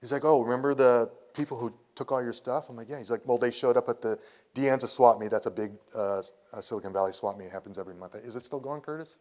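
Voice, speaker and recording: Speaking fast at a medium pitch, a slightly mellow man in his fifties gives a conference talk in a presentation hall. He tells a personal story that rambles, restarts, and quotes dialogue, turning emotional at times.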